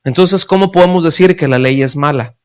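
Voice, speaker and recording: A male pastor delivers a sermon in a chatty, conversational way. He keeps checking in with his listeners. His voice sits a little higher than most men's. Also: a little fast, clear, resonant tone. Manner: conversational preaching, constant checks with the audience.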